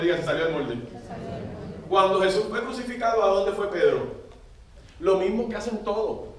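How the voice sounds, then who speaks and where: High-voiced preacher in an echoey hall. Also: male voice. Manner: call-and-response preaching, urging the congregation to repeat phrases. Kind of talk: sermon. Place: large church hall. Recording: echoey church hall, mic at a distance.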